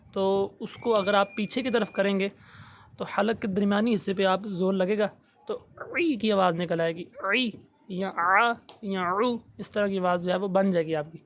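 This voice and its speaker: A man teaching Quran recitation in a recorded lesson, patiently explaining and slowly drawing out each letter sound. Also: high voice, steady tone, slight background noise.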